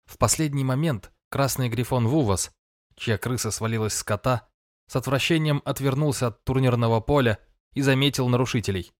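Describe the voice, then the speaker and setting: A man narrating a fantasy audiobook in a measured storytelling manner. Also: medium pitch, no echo, studio quality.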